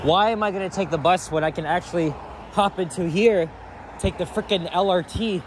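A young male vlogger with a high voice rambles at a moderate pace during a casual walk, filming on a handheld camera. The setting is an outdoor city sidewalk, recorded with traffic noise from cars and the street.

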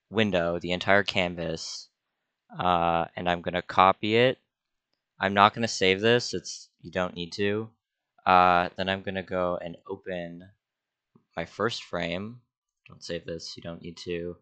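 A man's voice: deep voice, fairly even intonation, slow, pauses often, pushed and bright, clean tone, dry recording. A young man, an art student, casually talking through a screen-recorded drawing tutorial in an offhand, self-deprecating way. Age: young adult.

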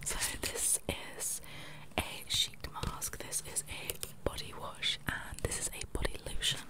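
A young adult woman whispers throughout, with no voiced tone. Her delivery is casual ASMR chat, showing items one by one. She is close to the mic in a small room at home. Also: unhurried. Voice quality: breathy, unvoiced whisper. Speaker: ASMR creator. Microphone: microphone close in front of the mouth.

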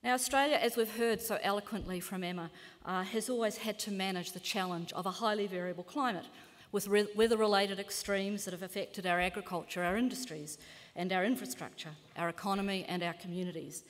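A woman in her fifties with a New Zealand accent, giving a measured, earnest keynote lecture as a climate scientist in a large lecture hall. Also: mid-range voice, steady tone. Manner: measured, earnest, occasional self-corrections. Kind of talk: formal conference lecture. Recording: long hall reverb.

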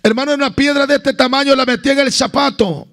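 A man's voice: very high-pitched, fairly even intonation, brisk, a bit bright. A man preaching a sermon as a guest evangelist at a church service, impassioned and calling out to his listeners as beloved brothers.

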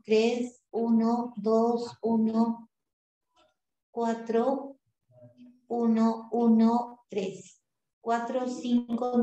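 A woman teaches a language class, counting syllables aloud at an unhurried, deliberate pace. Her voice is fairly high yet mellow, and it rings with the echo of a roomy space. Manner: counting syllables aloud slowly, correcting exercises. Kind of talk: live online class.

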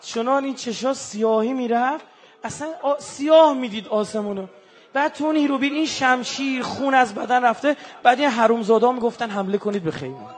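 A man giving an impassioned religious sermon, moving from hushed, mournful passages to loud, fervent outbursts. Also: very high-pitched. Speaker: religious speaker.

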